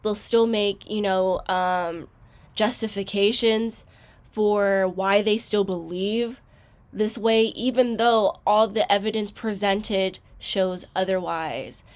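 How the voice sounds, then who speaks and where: A woman's voice: medium pitch, fairly even intonation, slow. Chatty woman reacting to a video. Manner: chatty and reflective, with many fillers; gets loud and emphatic when frustrated. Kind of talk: casual reaction commentary.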